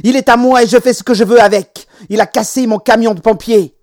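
Guy reading as a mad jealous little kid, yelling back at his mom, high and loud. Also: moderate pace, natural voice. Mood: defiant. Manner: shouting, petulant. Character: angry jealous young boy, defiant.

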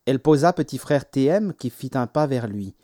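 A man reading stories aloud as an audiobook narrator, in a measured, expressive way. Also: mid-range voice, dry recording, studio quality. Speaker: audiobook reader. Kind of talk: scripted narration.

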